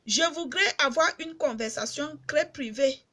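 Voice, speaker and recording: Speaking unhurriedly in a high-pitched, bright, forceful voice, a middle-aged Cameroonian woman with a Cameroonian accent addresses her fans directly on a live video stream. Her casual chat is emphatic and repetitive.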